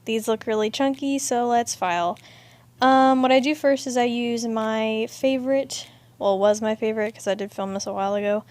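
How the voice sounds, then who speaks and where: A woman's voice: fairly high pitch, fairly even intonation, normal speed, a little mellow. A young woman with a Southern US accent, narrating her nail tutorial in a chatty, self-mocking way. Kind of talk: casual voice-over narration.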